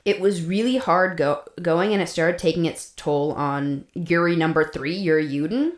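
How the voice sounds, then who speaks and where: A woman's voice: fairly low pitch, normal speed. A woman co-hosting a podcast, telling the story in a casual, chatty way with fillers and laughs. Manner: chatty, laughs often, many fillers and restarts. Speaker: podcast co-host. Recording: roomy echo.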